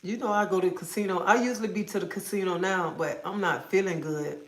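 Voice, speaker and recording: Speaking fast in a low-leaning voice, a livestream host broadcasts casually from her echoey room at home. Feeling like she's coming down with a cold, she wanders through her thoughts and says things more than once.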